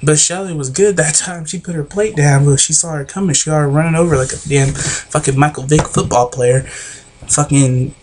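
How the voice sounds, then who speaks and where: A man's voice: fairly high pitch, fairly even intonation, fairly quick, a little mellow, slight background noise. Blunt, profane man recapping a show. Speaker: reality TV recapper.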